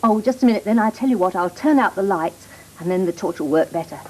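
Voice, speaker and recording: A woman's voice: mid-range voice, lively intonation, fast, breathy edge, poor audio. A woman with an Australian accent, presenting a children's TV show and playfully talking to young viewers in a 1980s studio recording. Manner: bright, playful, child-directed.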